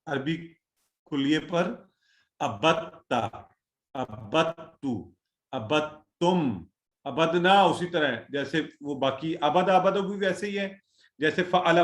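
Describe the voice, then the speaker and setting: Man teaching an online class, patient, drills word lists, slightly raised pitch, roomy echo. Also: fairly bright tone. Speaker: Quran Arabic teacher.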